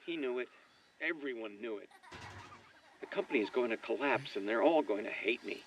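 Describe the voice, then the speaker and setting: A man's voice: mid-range voice, brisk, natural voice. An actor playing an anxious young man who has inherited a toy company, speaking in a shaky, self-doubting way, heard as game audio. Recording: game audio, distant with faint noise.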